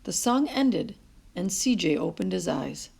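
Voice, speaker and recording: A woman reading a picture book aloud to children in an expressive, deliberate storytelling manner. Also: lowish voice, gravelly, husky. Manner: animated, deliberate phrasing with pauses.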